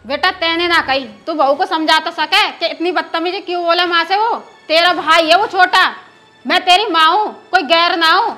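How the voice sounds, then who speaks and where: A woman's voice: very high-pitched, steady tone, normal speed, pushed and bright, soft background music. A woman playing an indignant rural mother-in-law who nags and scolds. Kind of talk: rural film drama acting.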